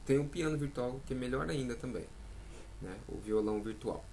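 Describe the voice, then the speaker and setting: A man's voice: medium pitch, moderate pace, dark tone, slight background noise, low-quality recording. A man with a Brazilian accent giving a casual singing lesson, chatty and encouraging, calling out sample notes as he teaches.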